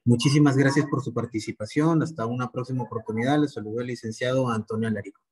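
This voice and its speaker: A man with a Peruvian Spanish accent, a speech therapist giving an informative talk to parents, explaining patiently with gentle diminutives and rhetorical check-ins. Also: mid-range voice, fairly even intonation, fast talker, rough recording. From Peru.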